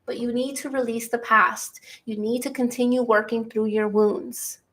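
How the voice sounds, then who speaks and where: Giddy, high-voiced woman tarot reader. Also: moderate pace. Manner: giddy and excitable, breaking into laughs; earnest, repeats key lines for emphasis. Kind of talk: collective tarot reading to camera.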